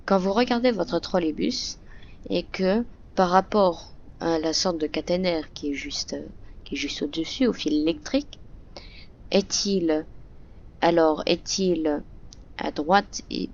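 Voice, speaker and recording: A woman's voice: lowish voice, darkish tone, muffled recording. A woman talking through a game tutorial in a casual voice-over, hesitant, with many fillers and restarts. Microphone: computer microphone.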